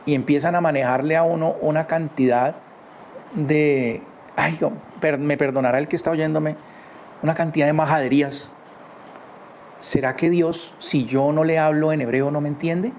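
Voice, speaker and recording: A man's voice: a little high, fairly even intonation, moderate pace, a little mellow. Man, casual religious teaching, conversational tag questions, muffled lo-fi sound, light hiss. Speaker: Torah teacher. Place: his home. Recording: slightly dull recording with faint background noise.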